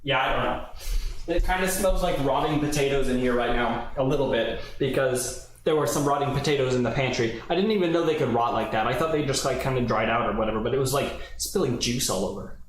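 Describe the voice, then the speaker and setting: A man's voice: mid-range voice, fairly quick. A man casually chatting on a livestream while he cooks in his apartment kitchen, rambling and often cutting himself off. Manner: rambling, self-interrupting, chatty. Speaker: streamer. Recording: very echoey room, faint background noise.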